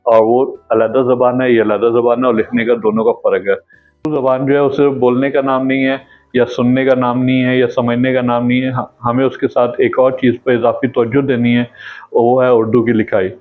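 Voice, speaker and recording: A man teaching a classroom lesson, explaining slowly with pauses and fillers. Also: medium pitch, flat delivery. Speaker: Urdu teacher. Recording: tinny phone-like sound, faint music.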